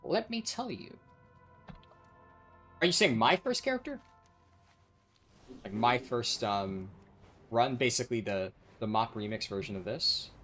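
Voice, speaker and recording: A man's voice: mid-range voice, animated, a little slow, pauses often, a bit bright, soft background music. Casual, sardonic male game streamer. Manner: sardonic, sweary. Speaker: live streamer, speedrunner. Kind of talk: casual gaming livestream chat and commentary.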